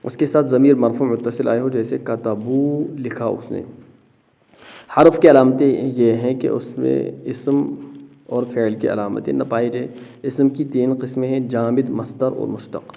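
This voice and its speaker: A man's voice: mid-range voice, fairly even intonation, vocal fry. Man teaching patiently, slightly dull audio. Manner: asks rhetorical questions then answers them; checks in with listeners, hesitant fillers. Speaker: Arabic grammar teacher. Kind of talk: explanatory lesson.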